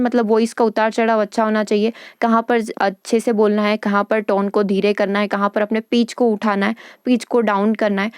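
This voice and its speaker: Woman lecturer, mellow and smooth, explaining patiently with frequent check-ins. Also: a little high, no room sound, studio quality. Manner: explains in Hindi with English terms and quick check-ins; reads English lines slowly and carefully. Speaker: teacher. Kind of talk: lecture on English teaching.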